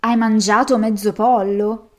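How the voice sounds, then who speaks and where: A woman's voice: fairly high pitch, fairly even intonation, measured pace, darkish tone, lightly acted. A woman voicing a hot-tempered young male king who rails in indignant outbursts while reading a folk tale aloud. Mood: outraged.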